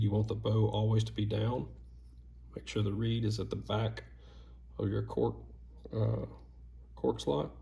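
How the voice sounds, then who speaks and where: A man with a low voice and a noticeable creaky fry, talking through a hands-on repair. He explains each step in a plain, folksy way, like a craftsman giving casual instruction. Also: mellow. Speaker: duck call maker giving repair tips.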